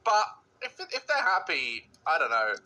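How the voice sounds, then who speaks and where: A woman's voice: sits low, wildly swooping pitch, normal speed, bright, forceful tone, rough recording. A woman hosting a casual reaction video, blunt and swearing freely, laughing often at what she watches.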